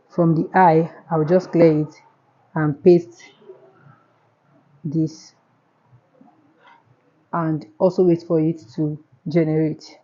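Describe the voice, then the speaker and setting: A woman's voice: on the low side, mellow, highs cut off. A Nigerian woman with a Nigerian accent, hosting a casual step-by-step screen tutorial and often repeating herself. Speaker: tutorial host.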